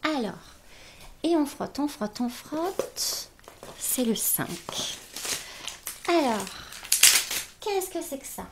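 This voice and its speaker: A beauty vlogger unboxes beauty gifts while chatting casually, gushing with slow, drawn-out exclamations. Her voice is high-pitched and sing-song, with background noise behind it.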